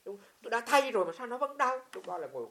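A man's voice: very high-pitched, fast talker, vocal fry. A monk with a Huế accent giving an informal meditation talk, telling stories and asking his listeners rhetorical questions. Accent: Huế Vietnamese. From Huế, central Vietnam. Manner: animated storytelling, frequent rhetorical questions. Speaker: Buddhist monk teaching meditation. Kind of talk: informal dharma talk answering a student.

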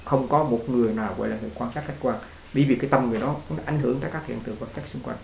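Gravelly man giving a dharma talk. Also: medium pitch, very fast, background noise. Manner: conversational, repeats words, laughs with the audience. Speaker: Buddhist teacher. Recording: echoey room.

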